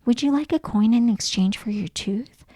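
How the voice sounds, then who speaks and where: A woman voicing a sweet, gentle tooth fairy in a children's storybook, soft and polite. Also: a little high, moderate pace, dry recording, studio quality, close to an everyday voice. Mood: sweet, hushed. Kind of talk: children's storybook read-aloud.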